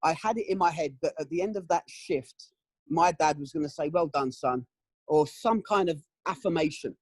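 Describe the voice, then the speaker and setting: A middle-aged man giving candid, emotional testimony in an interview, often pausing with "um" and "you know". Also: fairly high pitch, breathy edge, no room sound, low-quality recording. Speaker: interview guest.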